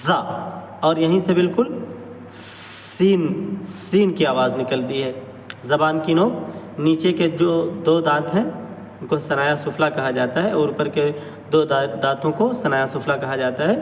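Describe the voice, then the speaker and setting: A man teaching a pronunciation lesson on Arabic letters, drawing out each sound slowly and carefully. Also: on the high side. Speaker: Quran recitation teacher. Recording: echoey hall, mic at a distance, faint noise.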